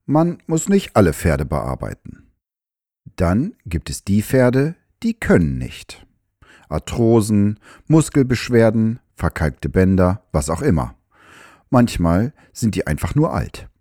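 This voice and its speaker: A man, a farrier, giving calm, measured advice in scripted explanatory narration. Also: lowish voice, no echo, clean studio sound.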